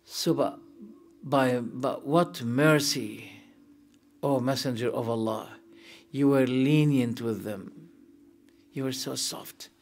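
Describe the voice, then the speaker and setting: A man giving a religious lesson and explaining scripture verses, emphatic and animated, his voice rising on key points as he tells stories. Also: medium pitch, slow pace, pauses often, slight background noise. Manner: tells stories, sometimes emotional. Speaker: sheikh teaching Islamic creed.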